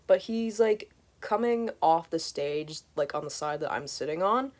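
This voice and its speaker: A woman in her twenties telling a story casually at home, animated and swearing freely. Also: low voice, a little slow. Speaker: vlogger. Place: hot room at home with a fan on. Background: faint fan hum.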